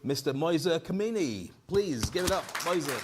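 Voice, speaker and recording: Against some background noise, a man with a fairly high voice speaks at normal speed as host of a conference stage. He coaches on public speaking through a handheld microphone, jokey and animated, pumping up the audience.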